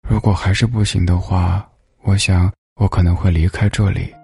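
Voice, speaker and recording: A man voicing a sad, lonely man in a storybook who speaks in a low, quiet voice. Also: little pitch movement, moderate pace, vocal fry. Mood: dejected.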